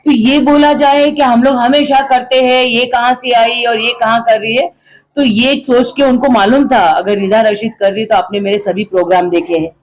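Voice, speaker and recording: A middle-aged woman speaks as a local social activist being interviewed. She talks forcefully and with indignation, hammering her points home through repetition. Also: on the high side, steady tone, moderate pace. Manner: forceful and indignant, repeats phrases for emphasis. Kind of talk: interview answers.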